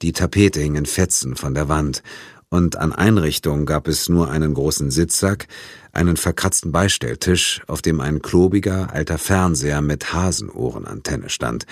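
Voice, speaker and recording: A man narrating an audiobook in an even, measured storytelling manner. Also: extremely low pitch, slightly rough, no echo, studio quality. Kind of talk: scripted narration.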